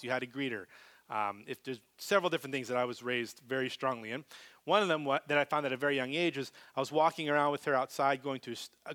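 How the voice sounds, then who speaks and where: A man preaching a live sermon to a congregation, animated, swinging from loud emphasis to very soft, hushed lines. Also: mid-range voice. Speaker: pastor.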